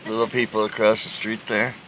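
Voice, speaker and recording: A man's voice: on the low side, little pitch movement, fairly quick, a bit bright, poor audio. A middle-aged man chatting casually and jokily as a vlog host, outside on a windy day. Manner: jokey, crude humor.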